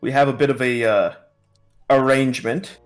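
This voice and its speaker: A man's voice: mid-range voice, fairly even intonation, faint music behind, lightly acted. A man voicing a pompous, scheming male noble trader in a tabletop game. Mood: smug. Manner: haughty, drawn-out speech.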